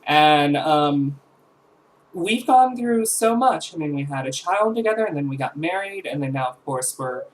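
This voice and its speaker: A woman's voice: deep voice, animated, normal speed, poor audio. A woman in her twenties chatting casually to camera as a vlogger, rambling with fillers and self-corrections. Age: 20s.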